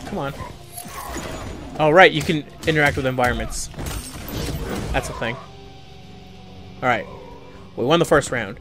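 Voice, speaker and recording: Game music and sound effects accompany a young let's play gamer giving casual commentary on a fighting game. He speaks at a medium pitch and a measured pace, pausing often. He groans and mutters whenever things go wrong.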